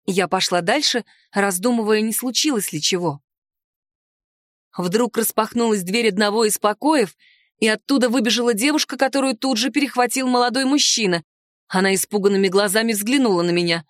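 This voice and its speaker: A woman narrating an audiobook in the first person, lively and sharp-tongued as the heroine. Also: medium pitch, fairly quick, dry recording, studio quality.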